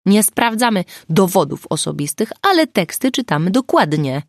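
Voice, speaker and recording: A woman reading the lines of a weary, harassed female crime writer in an audiobook, earnest and rueful, with a creaky voice. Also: mid-range voice, big pitch swings, moderate pace, no echo, studio quality, voice pushed up.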